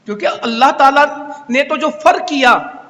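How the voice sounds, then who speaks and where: A man's voice: very high voice, a little slow, sharp tone. A man preaching a Friday sermon in a mosque, scolding and exhorting with rhetorical questions. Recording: echoey hall reverb.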